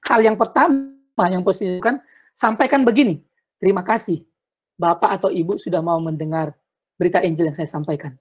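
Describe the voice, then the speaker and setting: A man's voice: sits high, brisk, breathy edge. A man giving earnest sermon-style answers on a video call, repeating words and slipping in English phrases. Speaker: speaker answering questions. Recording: dull lo-fi video call audio.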